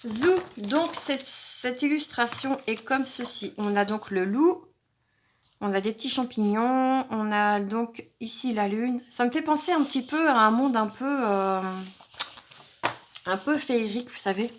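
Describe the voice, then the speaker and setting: A fairly high-voiced woman talks through a craft-kit unboxing in a relaxed, chatty way. She thinks aloud, pausing on fillers and restarting phrases as she goes. A light hiss sits under her voice. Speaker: crafting vlogger. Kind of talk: casual unboxing vlog.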